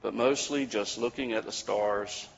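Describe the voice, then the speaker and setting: A male preacher telling a sermon story in a measured way, with dramatic pauses. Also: fairly low pitch, steady tone, gravelly. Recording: dull lo-fi recording with long hall reverb.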